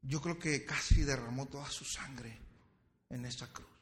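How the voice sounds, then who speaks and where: Impassioned, slow-spoken male pastor. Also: mid-range voice. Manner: impassioned preaching, dwells on words slowly. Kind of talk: sermon.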